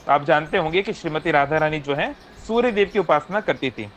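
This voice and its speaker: Teaching an online devotional class from his phone, a man explains things patiently, often asks "है ना?" to check on listeners, and mixes in English phrases. His voice is a little high and brisk with lively intonation. The recording is rough, with a little hiss or hum.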